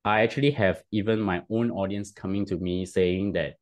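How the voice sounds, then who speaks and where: He has a low, steady voice and talks at normal speed. A podcast guest in his thirties with a Singaporean accent, he's on a video call at home using a headset, explaining at length in relaxed interview talk. He keeps restarting and adding "right?".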